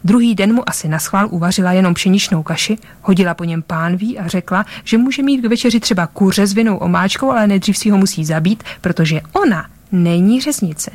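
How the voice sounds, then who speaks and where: A woman reading a story aloud, narrating with lively delivery and small slips. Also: mid-range voice, few pauses, no echo. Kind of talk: audiobook-style story reading.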